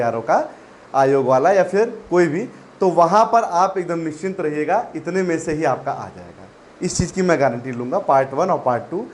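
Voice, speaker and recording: A man teaching a spelling lesson to exam students, repeating each word slowly and calling his listeners "children". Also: on the high side, a little mellow, slight background noise. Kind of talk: classroom-style spelling lesson.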